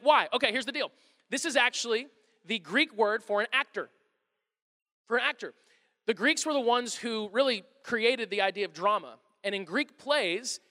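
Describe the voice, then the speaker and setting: Casting: male pastor, very high bright voice, lively and joking delivery. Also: long reverb tail. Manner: animated, joking, conversational preaching. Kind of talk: sermon.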